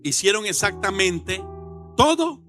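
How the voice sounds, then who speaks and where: A middle-aged Venezuelan man preaching a sermon as pastor, telling stories with animated, acted-out quotes. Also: sits high, measured pace, faint music behind. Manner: animated storytelling, acts out shouted quotes. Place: church.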